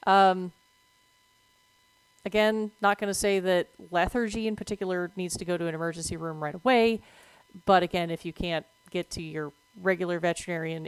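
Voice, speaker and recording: A woman's voice: lowish voice, steady tone, fairly quick, creaky, smooth, dry recording, rough recording. A woman streaming a game who explains veterinary matters in a blunt, casual way, swearing freely and breaking off to react to the game. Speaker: streamer with veterinary work experience.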